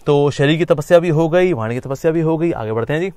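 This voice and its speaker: A man teaching a spiritual course, mixing Hindi and English, lively and explanatory, sometimes acting out inner voices with sing-song repetition. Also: fairly high pitch, quick pace, smooth, dry recording. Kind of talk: Gita lecture.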